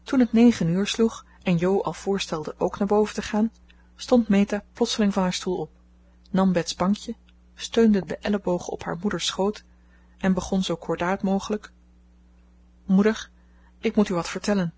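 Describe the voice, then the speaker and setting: Husky-voiced woman reading a novel. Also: medium pitch, fairly even intonation, moderate pace, dark tone. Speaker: audiobook narrator. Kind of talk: storybook narration.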